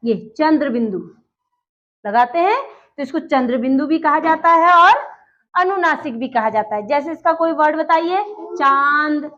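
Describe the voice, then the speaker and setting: A woman with a high voice teaches a grammar lesson, patiently explaining each point and asking questions that she answers herself. The recording sounds dull and lo-fi. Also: lively intonation, moderate pace, a bit bright. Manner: explains step by step, asks questions and answers them.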